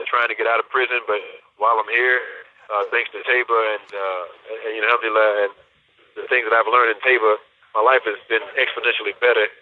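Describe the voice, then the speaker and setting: A man in his forties speaking over a prison payphone call, talking softly and haltingly with many fillers and restarts. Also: mid-range voice. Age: 40s. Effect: prison payphone call line. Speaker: incarcerated student interviewee. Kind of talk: casual phone interview. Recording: tinny dry phone line.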